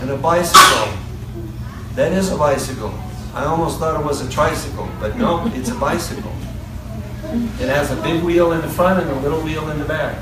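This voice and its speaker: A woman's voice: sits low, a little fast. A woman reading a picture book aloud to a young child, using simple short phrases, repeating and switching between English and Spanish. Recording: echoey room, distant mic, noisy.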